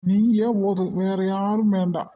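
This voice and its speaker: A woman's voice: medium pitch, steady tone, moderate pace, narrow, tinny audio, close to an everyday voice. A woman voicing a stern, weary parent of the groom in a cartoon, with a Kongu Tamil accent and a blunt manner.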